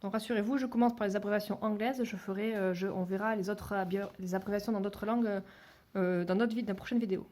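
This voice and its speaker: A woman's voice: mid-range voice, fairly even intonation, fast talker, darkish tone. A woman giving a step-by-step beading tutorial, talking hesitantly with many fillers and restarts, and dropping to a near whisper while she counts beads. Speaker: beading instructor.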